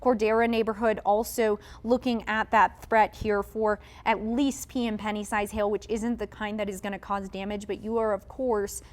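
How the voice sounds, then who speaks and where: A woman's voice: mid-range voice, level tone, moderate pace, few pauses. A woman meteorologist giving live breaking weather coverage, explaining radar and urging viewers to take shelter. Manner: urgent, explanatory, giving safety instructions.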